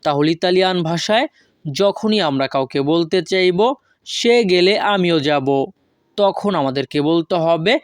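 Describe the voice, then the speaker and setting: Slow, careful woman teaching a language. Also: fairly low pitch, no room sound, studio quality. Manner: slow, careful, spells out words one by one. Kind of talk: scripted language lesson.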